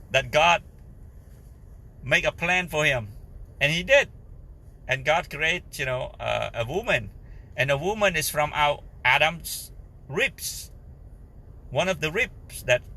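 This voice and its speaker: A man with a Cambodian Khmer accent, a native Khmer speaker, giving informal Bible teaching in halting English as he searches for words. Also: fairly high pitch, expressive, pushed and bright. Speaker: lay preacher.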